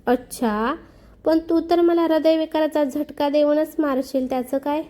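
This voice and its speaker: Smug teasing young man for a storybook, voiced by a woman reader with a soft, mellow tone. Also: sits high, steady tone, measured pace, a little hiss or hum. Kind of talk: audiobook character reading.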